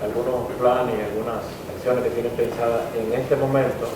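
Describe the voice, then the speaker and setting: A man with a Dominican Caribbean Spanish accent asking formal interview questions in a hesitant, halting way. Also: medium pitch, flat delivery. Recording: distant mic, heavy echo, noisy.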